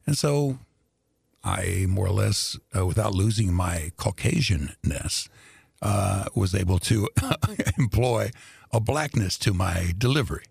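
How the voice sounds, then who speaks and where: Older man, husky gravelly voice, dry close sound, relaxed drawling storyteller, laughs often. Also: low-pitched, measured pace, no room sound. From born in Greece, raised in Indianapolis. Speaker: radio personality, guest. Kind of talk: casual interview storytelling.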